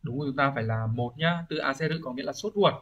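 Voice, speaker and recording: A man's voice: mid-range voice, fast, a bit bright, dull audio, a little hiss or hum. A man teaching an exam-prep vocabulary lesson, explaining each answer and often checking understanding with rhetorical questions. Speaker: Japanese language teacher.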